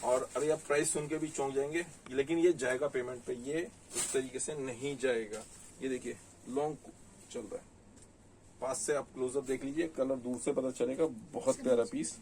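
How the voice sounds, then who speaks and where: A man's voice: mid-range voice, fairly even intonation, normal speed, a little mellow, far from the mic, slight background noise, low-quality recording. Chatty shopkeeper man, Delhi Hindi. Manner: chatty, reads out prices and sizes. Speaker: saree shop owner selling online. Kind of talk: casual sales talk showing garments. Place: shop in Delhi.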